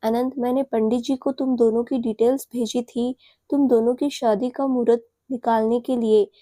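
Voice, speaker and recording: A woman's voice: a little high, steady tone, normal speed, mellow, no room sound, studio quality, close to an everyday voice. Woman reading a kindly mother-in-law. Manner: kindly, indulgent. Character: middle-aged mother, kindly amused mother-in-law.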